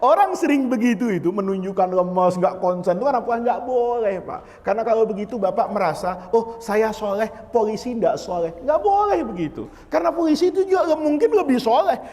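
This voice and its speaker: High-voiced preacher in an echoing mosque. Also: male voice, fairly quick, hardly any pauses. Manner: lively, jokey, asks the congregation questions. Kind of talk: mosque sermon. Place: large mosque hall. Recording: long hall reverb.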